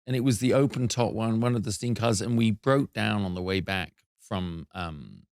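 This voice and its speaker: Low-voiced earnest male host, dry sound. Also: moderate pace, vocal fry, no echo. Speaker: show host. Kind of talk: casual interview chat. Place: studio.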